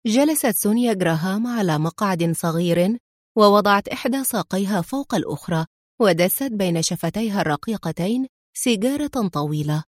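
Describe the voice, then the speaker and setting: A woman reading a thriller audiobook in steady, measured narration. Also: medium pitch, no echo, studio quality.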